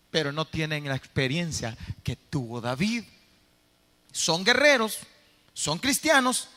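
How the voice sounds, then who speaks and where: A man preaching a sermon as pastor, animated, dramatizing scenes and calling out phrases to his church. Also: high-pitched, big-room sound. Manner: animated preaching, acting out voices and shouting phrases. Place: church sanctuary.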